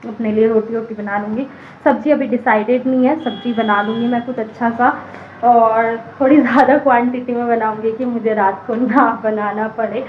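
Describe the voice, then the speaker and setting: A woman's voice: fairly high pitch, steady tone, moderate pace, a little hiss or hum. A woman vlogger chatting casually and rambling straight to her viewers. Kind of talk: casual vlog chat to camera. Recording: echoey room on a tinny phone mic.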